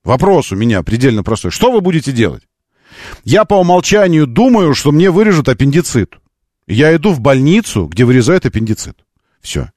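Animated, insistent male radio host. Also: mid-range voice, a little fast, dry recording, studio quality. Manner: argumentative, insistent, repeats phrases for emphasis. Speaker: radio talk show host. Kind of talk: live call-in radio talk.

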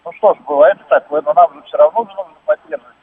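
A fast-talking, high-voiced man calls in to a radio show. He holds his phone away from his mouth, so he sounds faint and tinny over the narrow line. His phrasing rambles and stalls. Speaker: caller. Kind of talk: call-in opinion. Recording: thin distant phone line.

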